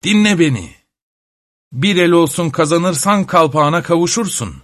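A man's voice: on the high side, animated, normal speed, a bit bright, pitched above the performer's own voice. A man voicing a sly, spiteful old witch woman in a storybook reading, with a mocking, sneering manner. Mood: menacing.

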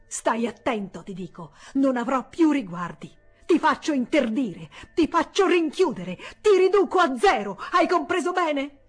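A woman reading aloud voices a stern middle-aged male senator who thunders threats at his brother, her voice a little husky. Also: medium pitch, animated, moderate pace, darkish tone, faint music behind. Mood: furious.

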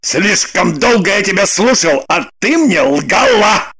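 A woman voicing an angry, scheming young man in an audiobook, with gruff, scornful shouting. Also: lowish voice, big pitch swings, unhurried, full character voice. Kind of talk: audiobook narration with voiced characters.

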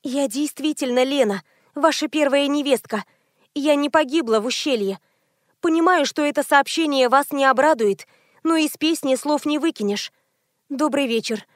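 A woman voicing a quiet, meek young woman who speaks softly, almost whispering, in an audiobook. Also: sits high, normal speed, dry recording, clean studio sound, voice pushed up, lightly acted. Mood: composed. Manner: soft, near-whispered.

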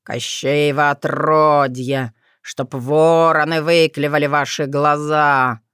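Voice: medium pitch, fairly even intonation, takes it slowly, a bit bright, clean tone, dry recording, clean studio sound. A reader voicing a spiteful, half-mad old male forest spirit who snarls and gloats.

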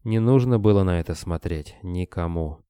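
A man's voice: low-pitched, normal speed, clean tone, no room sound, lightly acted. A man voicing a grim, deathless monster hunter who speaks dryly and tersely. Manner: dry, calm, terse.

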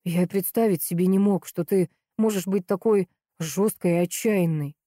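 A woman reading an audiobook voices a bewildered, tipsy adult brother who talks slowly and frets. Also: lowish voice, warm tone, no room sound, studio quality, close to an everyday voice. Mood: shocked. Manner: slow, dazed and fretful.

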